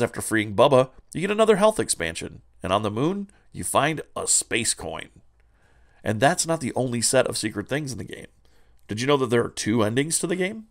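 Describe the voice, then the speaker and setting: A man's voice: mid-range voice, vocal fry, fairly bright tone. A man hosting a comedic video game review show, talking in a playful, hyped way with slangy asides.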